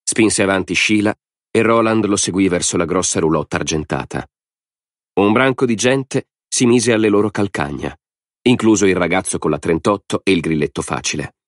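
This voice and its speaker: Deep-voiced male audiobook narrator. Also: normal speed, no echo, clean studio sound. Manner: steady, even storytelling. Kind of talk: scripted narration.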